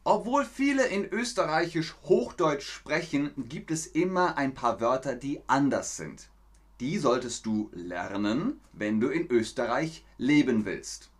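Man, German teacher, livestream lesson, chatty, explanatory, mid-pitched voice. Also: big pitch swings, measured pace, slightly rough. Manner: explanatory, chatty, answers viewers' chat questions. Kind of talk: livestream language lesson reading chat.

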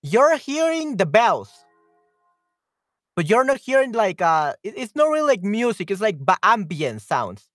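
A man's voice: high voice, very animated, a little slow, a bit bright, no echo. A man hosting a livestream, chatting casually and hesitantly, thinking aloud as he goes, close to the microphone. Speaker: livestream host. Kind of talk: casual livestream chat, troubleshooting audio.

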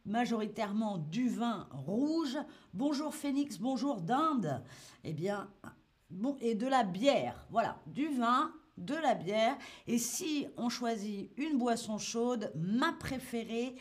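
A woman hosting a live-stream French lesson, speaking slowly and clearly, asking the chat quiz questions and laughing lightly as she reads it. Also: fairly high pitch. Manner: slow, clear, teacherly, asks quiz questions.

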